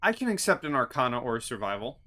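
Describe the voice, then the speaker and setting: A man running a tabletop fantasy game as game master, narrating in a halting way as he thinks aloud. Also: mid-range voice, very animated, over a noisy crowd.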